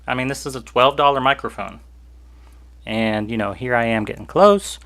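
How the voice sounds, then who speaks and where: An easygoing man talks through a gadget review in a chatty, joking way. His voice is bright and sits at a middle pitch. He records at home straight into a cheap USB desk microphone. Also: moderate pace. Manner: chatty, easygoing, jokey asides. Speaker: YouTuber reviewing gear. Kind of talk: casual product review vlog.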